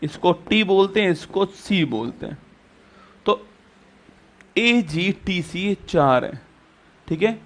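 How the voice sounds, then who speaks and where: A man's voice: sits high, lively intonation, takes it slowly, long pauses, a bit bright. A male teacher giving an exam-prep lecture who keeps repeating points and quizzing students with rhetorical questions.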